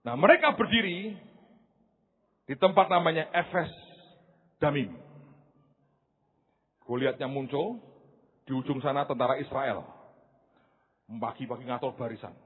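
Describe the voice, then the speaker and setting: A male pastor preaching a sermon, telling the story dramatically, swinging from hushed asides to shouts and calling the congregation "saudara". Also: medium pitch, unhurried, long pauses, husky. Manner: colloquial, addresses the congregation as "saudara". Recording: phone-like lo-fi audio in a reverberant hall.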